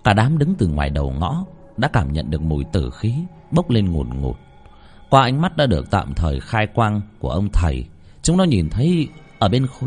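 A man narrating a horror story in a dramatic, lively storytelling manner. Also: deep voice, husky.

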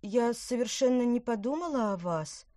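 A woman voicing a cheerful young witch girl in a storybook reading, speaking brightly and breezily. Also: on the high side, expressive, normal speed, no room sound, studio quality, voice pushed up, close to an everyday voice. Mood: apologetic.

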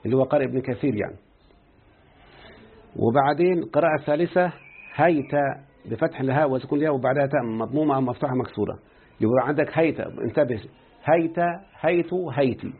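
A man with an Egyptian Arabic accent teaching a grammar lesson, who keeps quizzing his student and slowly repeats words. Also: medium pitch, breathy edge. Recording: tinny phone-like line.

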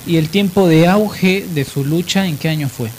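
A man hosts a live radio discussion, explaining things didactically and repeating phrases for emphasis. His voice is on the high side at a moderate pace, and the broadcast is noisy with a steady hiss.

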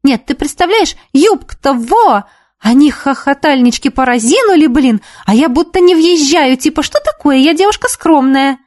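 A brash teenage ballet girl with a high, jeering voice, as a woman reader puts her on. She talks loudly and mockingly, swaggering and boastful. The sound is close and dry. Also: expressive, normal speed, no room sound. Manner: loud, taunting, boastful.

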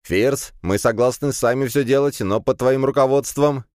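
A man's voice: medium pitch, moderate pace, no echo, voice pushed up, lightly acted. A pushy young male student from an audiobook, nagging and wheedling in a raised, strained voice, as a man puts him on. The sound is close and dry. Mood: insistent, pleading. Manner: nagging and wheedling, yelling through a door.

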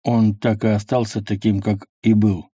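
A man voicing a weary, calm male survivor who speaks slowly and quietly. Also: fairly low pitch, breathy edge, no echo. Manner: slow, subdued.

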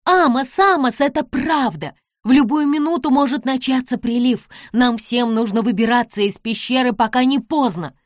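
A woman's voice: mid-range voice, lively intonation, normal speed, darkish tone, dry recording, clean studio sound, close to an everyday voice. A woman voicing a brave young girl detective. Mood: urgent. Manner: urgent, pleading.

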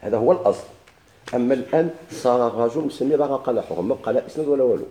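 Teaching a classical grammar lesson, a man with a Moroccan Arabic accent quotes verses, explains them step by step, and questions his students. He speaks very fast in a mellow, mid-range voice.

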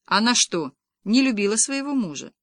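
A woman's voice: on the high side, lively intonation, normal speed, dry recording, natural voice. Scornful envious young woman, read by a woman narrator, dismissive tone, dry close sound. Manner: snorting, dismissive.

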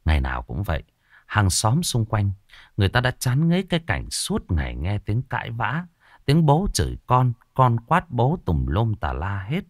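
A male storyteller narrates a village tale in a low voice that moves up and down with a lot of life. The recording is dry and close, with no room sound. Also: wildly swooping pitch, moderate pace, dry recording.

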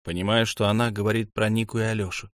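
A man's voice: lowish voice, level tone, fast, no room sound. A man narrating a novel in the first person, tense and urgent, close to the mic. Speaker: audiobook narrator.

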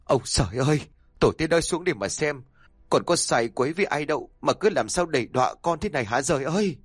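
A man voicing a desperate, quick-tempered old man who pleads and shouts in a strained, raised voice. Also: medium pitch, animated, husky, no room sound, studio quality. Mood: wailing.

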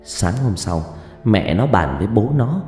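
A man narrating a ghost story, slow and dramatic, hushed on suspense, with roomy reverb and faint music. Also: on the low side, sing-song.

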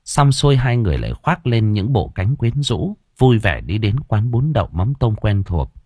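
A man's voice: on the low side, very animated, normal speed, warm tone, husky, no room sound, highs cut off. A man narrating an audiobook story, reading expressively and acting out the dialogue. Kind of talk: storytelling narration with character voices.

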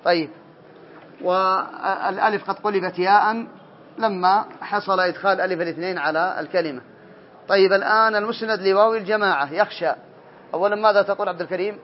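High-voiced man teaching grammar to a class. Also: steady tone, a little fast. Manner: drills students, calls on them by name and corrects them. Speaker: teacher of Arabic morphology. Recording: dull lo-fi classroom recording.

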